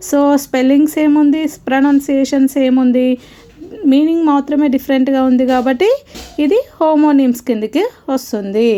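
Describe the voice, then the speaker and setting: Woman, teacher, high voice, mellow tone, patient and repetitive, spells words aloud. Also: fairly quick. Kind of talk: grammar lesson explaining word pairs.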